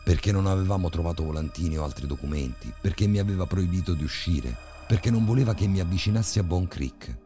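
A man narrating a horror story in a measured, grave way. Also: deep voice, lively intonation, warm tone, faint music behind.

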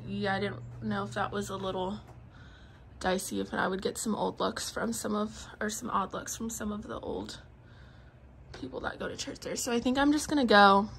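A woman's voice: medium pitch, fairly bright tone, slight background noise. A young woman, chatting casually to camera in a vlog, upbeat and full of "like". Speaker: vlogger.

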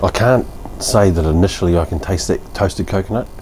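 Deep-voiced laid-back New Zealand man. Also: fairly quick, a little mellow, a little hiss or hum. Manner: laid-back, blunt, rambling with fillers and mild swearing. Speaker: beer reviewer. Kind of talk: casual review monologue. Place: covered outdoor home bar, daytime.

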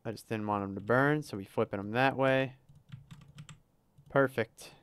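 A man's voice: medium pitch, unhurried, smooth. A man livestreaming a cooking game, chatting casually as he plays, narrating his moves and reading chat aloud. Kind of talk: casual gameplay livestream commentary.

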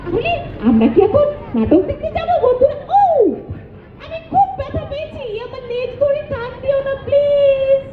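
A woman voicing a playful, chatty little songbird puppet in a squeaky voice, in a live children's show. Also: very animated, normal speed. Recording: echoey, dull sound with music.

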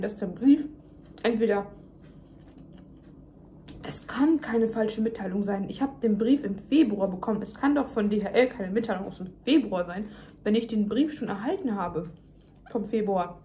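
A woman's voice: mid-range voice, normal speed, dark tone, a little hiss or hum. A young woman venting emphatically in casual chat to her viewers, talking while chewing. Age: young adult. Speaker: vlogger. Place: home kitchen, indoors.

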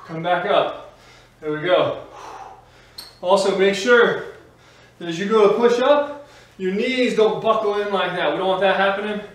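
A man's voice: sits high, measured pace, pauses often. A man working as an aerobics instructor, coaching a workout with motivational urging and short called-out cues while exercising. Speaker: fitness instructor. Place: small home gym with bare walls, indoors. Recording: echoey room, distant mic, faint noise.

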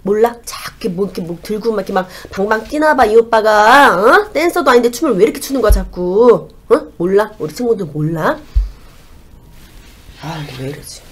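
A woman's voice: medium pitch, animated, brisk, few pauses. A woman doing a comic fortune-telling shaman, chatty and sing-song, now and then dropping to a whisper. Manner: chatty, sing-song, drops to whispers when relaying spirit messages. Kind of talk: comic shaman role-play.

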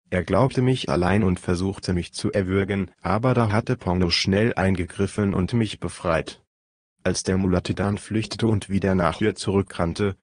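A man with a very low voice reads an adventure audiobook in the first person. His storytelling is steady and even. The sound is dry and close. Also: no echo. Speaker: audiobook narrator.

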